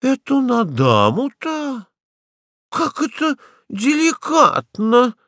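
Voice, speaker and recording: A man voicing a coy stray lady dog, high and lilting. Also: big pitch swings, a little slow, dry recording, studio quality, full character voice. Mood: coy, cheeky. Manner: coy, ingratiating and innocent. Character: cheeky sly female stray dog, a lady.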